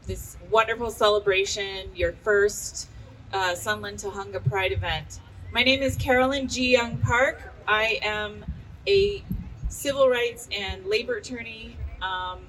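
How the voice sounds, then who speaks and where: A woman's voice: medium pitch, fairly bright tone, distant mic, poor audio. A woman giving a short, somewhat hesitant speech at a community event as an attorney and candidate. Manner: hesitant, with fillers and restarts.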